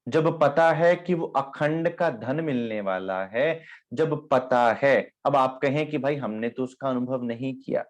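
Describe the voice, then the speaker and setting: A man giving a devotional discourse on scripture, speaking tenderly to his listeners and chanting verse lines slowly. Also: mid-range voice. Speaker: spiritual teacher.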